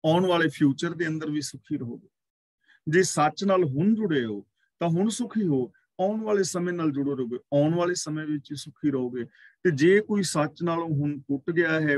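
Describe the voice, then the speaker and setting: A man giving a Sikh scripture exposition, chanting verse lines slowly and then explaining them in a measured, repetitive teaching cadence. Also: fairly high pitch, no room sound.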